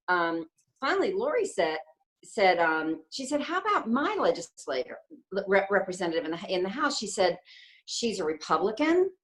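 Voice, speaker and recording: A woman's voice: mid-range voice, a bit bright, rough recording. A woman speaking at a conference, plainly recounting events and quoting what others said. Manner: plain narrative, quotes others.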